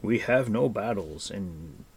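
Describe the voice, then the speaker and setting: A man voicing a stout, bald old blacksmith who speaks gruffly but kindly in a low, half-whispered voice. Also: animated, slow, full character voice. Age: older.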